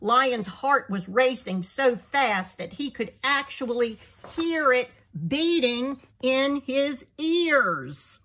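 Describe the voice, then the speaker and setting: A woman reading her own children's book aloud in an expressive storyteller manner. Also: sits high, slow, few pauses.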